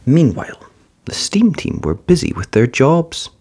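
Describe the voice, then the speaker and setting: Reading a children's picture book aloud, this narrator uses an expressive storytelling style, with a husky mid-range voice that stays unhurried.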